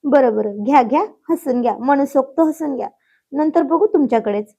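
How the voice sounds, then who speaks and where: A woman's voice: high voice, moderate pace, creaky, mellow, highs cut off. A woman voicing a proud young village landowner husband who talks with teasing swagger.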